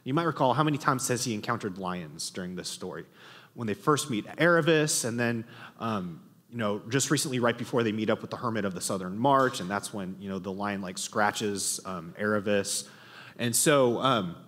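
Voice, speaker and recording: A teacher with a long room reverb. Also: male voice, lowish voice, moderate pace, a bit bright. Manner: reads aloud, poses questions, frequent ums. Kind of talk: classroom literature lesson.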